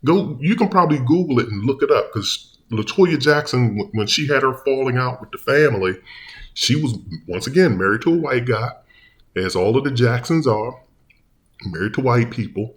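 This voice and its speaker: A man's voice: medium pitch, lively intonation, normal speed. A man hosting his own video channel, giving casual commentary in a rambling, emphatic way with many restarts. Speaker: vlog host.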